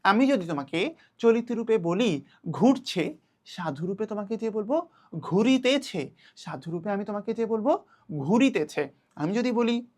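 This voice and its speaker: A young woman teaching an online class to children, patient and repeating key words slowly. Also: mid-range voice, lively intonation, a little mellow.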